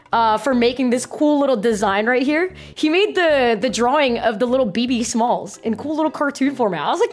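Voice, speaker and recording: A high-voiced young woman streams from her bedroom on a close mic with music underneath. She talks to her chat like a playful, excitable gamer girl, slangy and quick to swear. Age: young adult. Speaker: live streamer, host. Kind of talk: casual livestream chat with viewers. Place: small bedroom streaming setup. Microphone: close boom-arm microphone, headset on.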